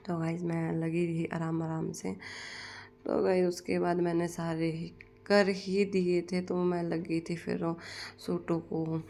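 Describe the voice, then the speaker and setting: A woman's voice: on the low side, level tone, a little slow, creaky, dark tone. A young woman, casually narrating her day as a vlogger, rambling from one thing to the next. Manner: rambling, strings lines together with "so guys". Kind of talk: casual vlog voice-over narration.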